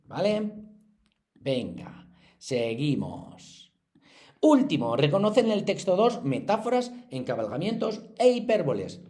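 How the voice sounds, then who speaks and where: A man teaching secondary school pupils, his voice sitting a little high for a man. He explains in an easy, chatty way, speaks straight to the class and slows right down to count syllables out loud. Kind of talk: recorded lesson walking through textbook exercises.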